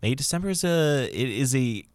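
A man's voice: mid-range voice, lively intonation, moderate pace, clear, resonant tone, dry recording. A man co-hosting a casual movie podcast, reading out film news in an upbeat way. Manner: upbeat, reads news items off a list. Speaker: podcast co-host.

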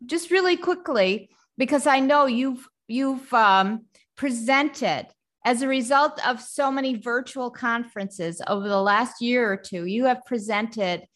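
Fairly high-voiced encouraging woman host. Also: fairly bright tone. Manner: friendly, encouraging, quick affirmations. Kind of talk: interview conversation.

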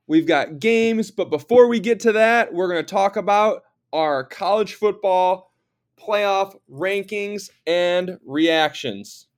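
Man, podcast host, higher voice, casual sports chat, rambling with fillers. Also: takes it slowly. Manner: chatty, hesitant with frequent fillers.

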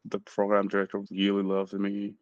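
A Nepali physician in his forties tells his story as a guest in a casual interview, earnest and self-deprecating. His lowish voice is monotone at a normal speed, and the lo-fi recording has no room sound.

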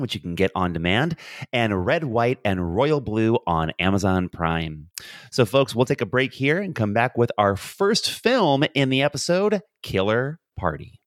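A man's voice: mid-range voice, no room sound, studio quality. A man co-hosting a casual film podcast in an easy conversational way. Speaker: podcast co-host.

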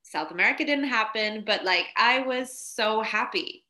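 A woman's voice: fairly high pitch, lively intonation, normal speed, pushed and bright. A woman guest on a podcast interview, telling her story in a chatty way, laughing often and filling with "like". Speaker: podcast guest, spiritual coach.

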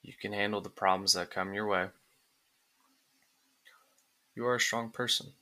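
A man narrating a guided relaxation script like a sleep story, in calm, soothing, deliberate phrases with pauses. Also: lowish voice.

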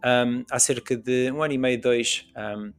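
Young portuguese guy, european portuguese accent, monotone and halting, lots of ums, faint music behind. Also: medium pitch, smooth. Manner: hesitant, many fillers and restarts. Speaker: podcast guest. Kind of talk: casual conversation.

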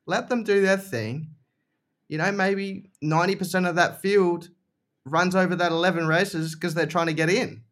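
Higher-pitched Kiwi man chatting casually. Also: steady tone, normal speed, a bit bright. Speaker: podcast guest. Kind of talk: casual chat.

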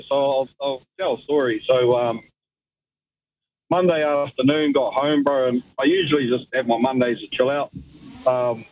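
A man's voice: medium pitch, a little mellow, no room sound, low-quality recording. A man telling a story casually as a guest, in slangy speech. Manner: slangy, says "bro" often. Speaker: podcast guest, language teacher.

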